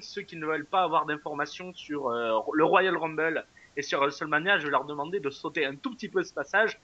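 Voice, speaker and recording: Male co-host, casual podcast chat, hesitant and filler-heavy, bright and fairly high, dry lo-fi sound. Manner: hesitant, many fillers and restarts. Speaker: wrestling show co-host.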